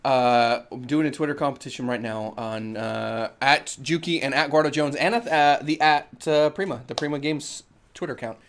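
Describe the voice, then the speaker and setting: Man, gaming stream co-host, casual chat, rambling, self-deprecating, mid-pitched voice. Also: steady tone, moderate pace, clean tone. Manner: rambling, self-deprecating, loses his train of thought.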